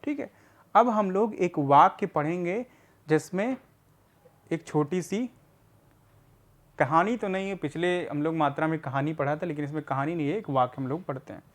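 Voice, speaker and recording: A man's voice: a little high, moderate pace, long pauses. A man teaching adults to read, spelling out words syllable by syllable, asking questions and answering them himself, and often checking in with his listeners. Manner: often checks in with "theek hai". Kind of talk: slow step-by-step reading lesson.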